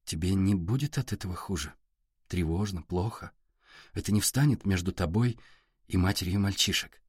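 A gentle, composed young woman speaks in a soft, hushed way, as a male audiobook narrator puts her on. The voice sits low and is recorded dry and close. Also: normal speed, slightly rough, no room sound. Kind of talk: audiobook character reading.

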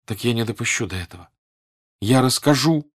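A man's voice: medium pitch, lively intonation, brisk, pitched above the performer's own voice. A man reading an audiobook and voicing an earnest young woman who presses with worried questions.

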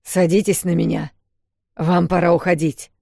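A woman voicing a huge, cold male wolf who gives slow, firm, growled commands. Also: lowish voice, level tone, creaky, warm tone, no room sound, clean studio sound. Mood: stern.

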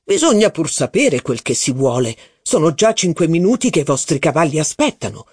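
A man doing a loud, bossy aristocratic duke. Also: a little high, very animated, brisk, husky. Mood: impatient. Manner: loud, exclamatory, domineering. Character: blustering aristocratic duke, middle-aged, bossy and impatient.

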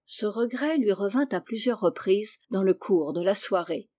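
A woman reading a classic children's novel aloud as an audiobook, with measured, expressive storytelling. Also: medium pitch. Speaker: audiobook reader. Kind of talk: scripted narration.

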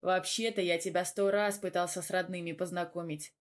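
A woman voicing a possessive, teasing young man in an audiobook, speaking bluntly in a slightly lowered voice. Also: level tone, brisk, lightly acted.

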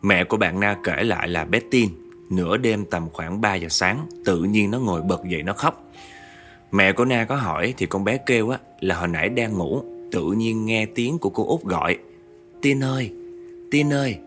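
Low-voiced man telling ghost stories. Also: normal speed, a bit bright, soft background music. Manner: chatty, addresses listeners directly. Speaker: storyteller. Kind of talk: ghost story narration.

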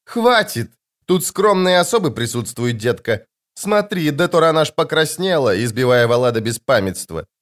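A man voicing a gruff female corporal who barks and scolds her squad. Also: mid-range voice, very animated, moderate pace, a bit bright. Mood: commanding. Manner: barking, scolding.

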